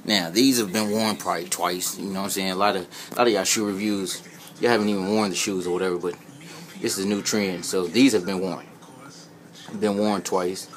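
A man's voice: deep voice, steady tone, brisk, slight background noise. An American man from Indiana chats casually in a rambling, joking, colloquial way as an amateur sneaker reviewer, recorded on an old flip phone in a room at home. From Indiana, United States. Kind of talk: casual vlog chat. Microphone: flip phone held behind the camera.

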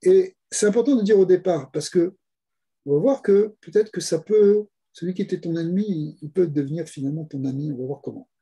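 Husky, mellow-voiced rabbi teaching. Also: male voice, sits high, brisk. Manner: rhetorical questions, explains step by step, repeats key words. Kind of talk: Torah lesson.

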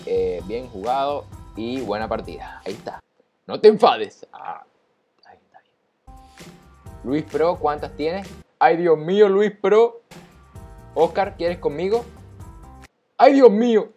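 Excitable man yelling over his gameplay. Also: on the high side. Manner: excitable, repeats phrases, yelps and cheers at the game. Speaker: gaming YouTuber. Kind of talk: live gameplay commentary.

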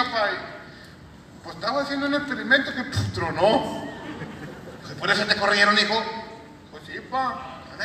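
A Mexican man doing stand-up comedy, telling crude jokes deadpan and landing them with a catchphrase. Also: high-pitched, a little hiss or hum. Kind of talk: stand-up joke telling on stage. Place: large auditorium. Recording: echoey hall audio from far off, loud crowd.

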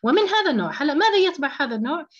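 A woman's voice: sits high, big pitch swings, racing, dull audio. A woman teaching an online tajweed lesson, explaining step by step, repeating key terms and asking rhetorical questions. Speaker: Quran recitation teacher.

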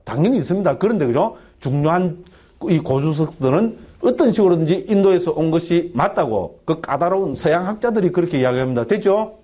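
A man, a Buddhist monk, giving a lively dharma lecture in a Gyeongsang dialect, often asking his listeners for agreement. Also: on the high side, fairly quick. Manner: keeps asking the audience for agreement, animated and colloquial. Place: temple education hall.

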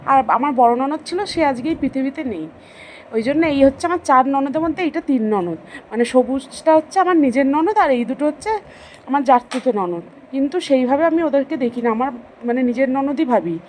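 A woman's voice: sits high, expressive, fast, a little mellow, slight background noise, poor audio. A middle-aged woman vlogger narrating family photos in a chatty, affectionate way, stopping to explain who is who in the family.

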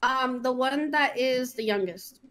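A woman's voice: high-pitched, unhurried, a crowd in the background. A woman playing the one being courted on a role-play dating game show, flirty and playful. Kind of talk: casual role-play chat.

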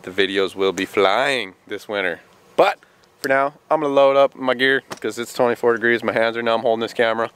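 A man in his thirties, an excitable fishing vlogger, talking casually outdoors by a lake and in a small boat into a handheld camera. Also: medium pitch, brisk, clear, resonant tone. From Minnesota. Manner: excitable, hyped-up fishing talk. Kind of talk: casual outdoor vlog talk. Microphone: camera mic, handheld at arm's length then on a mount. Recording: outdoor camera audio with music behind. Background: music.

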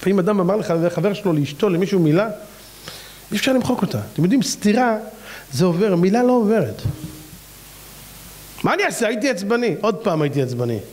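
A rabbi delivers a fiery sermon in a high, bright tenor. He hammers his listeners with rhetorical questions, his voice leaping up and dropping low as he presses each point. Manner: fires off rhetorical questions with big pitch swings.

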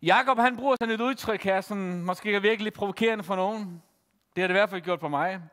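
A man preaching a sermon as pastor, telling a story in a measured way with frequent pauses and fillers. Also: sits high, fairly bright tone. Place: church. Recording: church hall with long reverb.

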